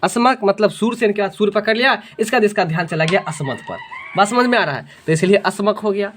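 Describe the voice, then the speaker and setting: A man's voice: high voice, brisk, fairly bright tone, slight background noise. Male coaching teacher drilling students. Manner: keeps checking if students follow; drills students by call and response. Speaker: general knowledge teacher. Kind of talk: exam coaching class with memory tricks.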